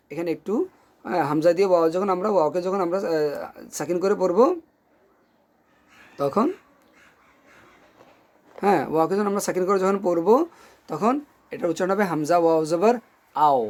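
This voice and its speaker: In a recorded online lesson, a Quran reading teacher with a medium-pitched, slightly mellow voice patiently drills syllables one at a time. She or he speaks slowly and clearly, often checking in with "okay?" to see if the listener is following.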